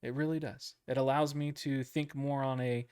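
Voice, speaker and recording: A man's voice: medium pitch, flat delivery, moderate pace, a little mellow, smooth. A man casually coaching traders through a book chapter, repeating points and checking in with "okay?" and a goofy, self-deprecating streak. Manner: chatty, repeats himself, lots of "okay?" and "right?". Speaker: trading coach.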